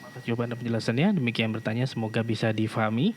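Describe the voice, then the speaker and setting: A male moderator reads viewers' questions aloud on a live broadcast. His voice is mid-pitched, and his delivery is polite and formal. A faint hum runs in the background. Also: rapid-fire. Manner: polite, even, formal reading.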